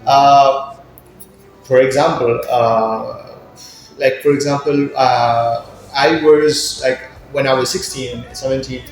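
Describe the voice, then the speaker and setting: A man's voice: mid-range voice, steady tone, slow pace. Mauritian man in a very echoey room. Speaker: interview guest, business incubator worker. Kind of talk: conversational interview answers. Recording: very echoey room, music in mix.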